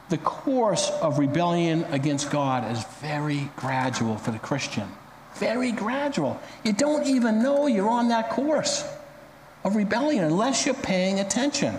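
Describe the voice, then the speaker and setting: A man's voice: high-pitched, roomy sound, in a large hall, a little hiss or hum, poor audio. A male pastor preaching a sermon, telling stories dramatically and acting out the quotes. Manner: dramatic storytelling with acted quotes.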